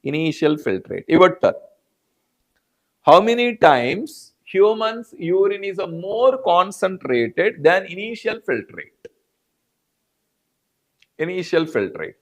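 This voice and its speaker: A man's voice: high-pitched, big pitch swings, slow pace, pauses often. A man with an Indian English accent teaching a live online biology class, repeating answers and calling on students by name. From South India. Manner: repetitive, addresses students by name.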